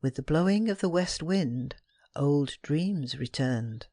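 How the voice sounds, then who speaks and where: Reading classic fiction slowly, this audiobook narrator uses a mid-pitched voice and a scripted delivery that's tender, expressive and dramatic, like storytelling. The audio is close-miked and very dry, with no echo at all.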